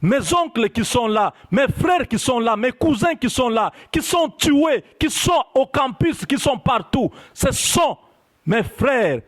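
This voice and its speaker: A man from Congo giving an impassioned political address to his compatriots, halting with fillers at first, then building to emphatic, repeated declarations. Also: very high voice, very animated. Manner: fervent, building to raised emphatic repetition; halting with frequent fillers at the start. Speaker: diaspora political representative.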